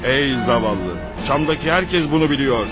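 A patronizing townsman acted by a man in a dubbed historical drama, with a mid-pitched voice. He argues in an insinuating, persuasive way over prominent music. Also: lively intonation, normal speed, lightly acted. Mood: sly, patronizing.

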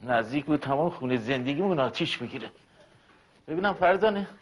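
A man's voice: mid-range voice, lively intonation, slight background noise, close to an everyday voice. An actor playing an emotional, deferential grown nephew who keeps thanking his uncle. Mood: tearful. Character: soft-hearted grateful nephew, grown man.

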